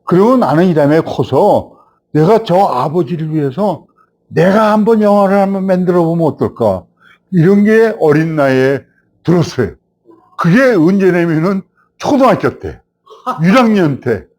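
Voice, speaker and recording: A man in his seventies, a film director, telling a host stories from his past and growing animated as he recalls it. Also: on the high side, moderate pace. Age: 70s. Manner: animated storyteller, rising when recalling the past. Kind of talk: reminiscing storytelling.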